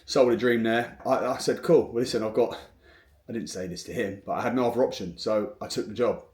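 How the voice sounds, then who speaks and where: A man's voice: lowish voice, steady tone, fairly quick, darkish tone, reverberant. A man who runs a construction business, telling a frank, rambling story to camera with many restarts.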